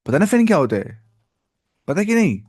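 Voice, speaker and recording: A man teaching a live online biology lecture, asking his students questions and answering them himself, repeating key terms slowly and mixing English science words into casual talk. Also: high-pitched, very animated, a little mellow, slightly rough, no room sound, studio quality.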